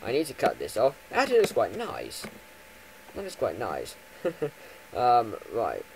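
Rambling gamer with a lively, swinging voice. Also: male voice, measured pace, gravelly, a little hiss or hum, rough recording. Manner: rambling, chatty, with lots of ums and self-corrections; swings from loud bursts to low mumbles. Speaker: gaming YouTuber. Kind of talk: Minecraft let's play commentary.

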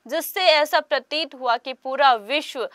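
A woman narrating a news report in a formal, even voice-over. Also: high-pitched, a little slow, no room sound, clean studio sound.

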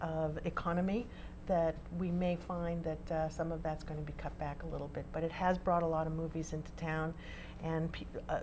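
A woman's voice: deep voice, flat delivery, normal speed, background noise. A woman, a casting director explaining her work in a friendly interview. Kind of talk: interview guest.

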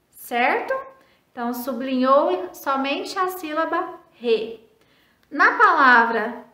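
A Brazilian woman teaches children in a recorded lesson, her high, bright voice moving slowly and patiently. She spells out letters one by one and answers her own questions. The sound carries a roomy echo. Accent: Brazilian Portuguese. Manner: asks questions and answers them herself.

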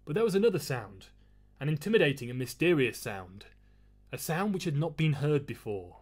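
An author reading his own novel aloud in a measured, expressive storytelling voice. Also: on the high side, breathy edge. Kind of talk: audiobook-style reading.

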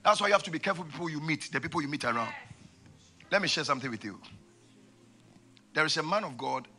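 A man in his forties with a West African accent and a husky voice, preaching and telling stories, repeating phrases for emphasis into a handheld microphone. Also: on the high side, expressive, fast, pushed and bright. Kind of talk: sermon with storytelling. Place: large church auditorium, on stage.

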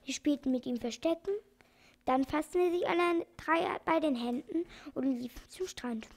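Woman narrator for a children's audiobook, high voice, bit of fry. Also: normal speed, a little mellow. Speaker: audiobook reader.

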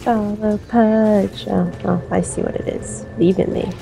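A woman's voice: mid-range voice, steady tone, a little slow, vocal fry, warm tone, low-quality recording. Chatty woman streamer over game music. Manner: chatty, self-deprecating. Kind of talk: live game commentary.

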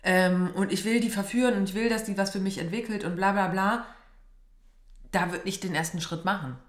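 Young female reaction host, casual gushing commentary in a roomy space. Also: a little fast. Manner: chatty, gushing, swings high when excited. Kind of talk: casual commentary on a reality show. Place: small decorated room indoors.

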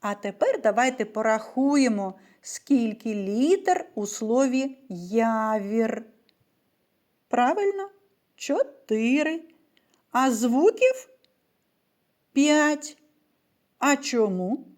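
A woman with a slightly high, expressive, somewhat mellow voice speaks slowly as a primary school teacher. She leads a reading lesson for small children, patiently asking and answering questions in a sing-song way, keeping the lesson slow and clear.

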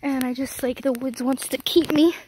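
A young woman vlogs while walking outdoors in the woods, out of breath and rambling to her viewers. Her voice sits high, with a steady tone, moderate pace, and a slightly mellow quality. The audio is poor, with a little hiss or hum.

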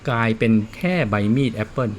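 A man's voice: brisk, a little hiss or hum. A man who repairs watches, talking casually and telling stories in a plain, chatty way while he works. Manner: chatty storyteller, plain spoken. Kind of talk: casual explanatory chat.

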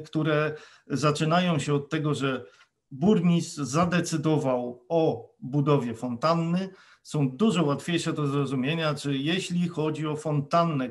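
Man lecturing in a slightly high voice. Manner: explanatory, lays out rules with worked examples; conversational, with frequent hesitation sounds. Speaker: plain-language trainer for officials. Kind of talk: webinar lecture.

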